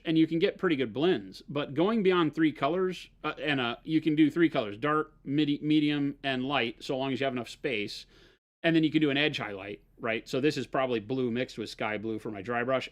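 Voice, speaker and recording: On a casual livestream, a man explains model painting techniques with fillers and restarts, often checking in with "right?". His voice is mid-range and fairly quick.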